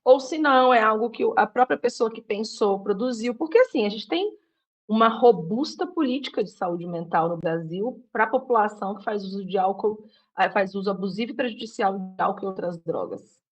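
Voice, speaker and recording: A woman's voice: medium pitch, brisk. Reflective woman health worker. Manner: reflective, questioning, many fillers. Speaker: mental health worker in the public system. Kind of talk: casual panel discussion.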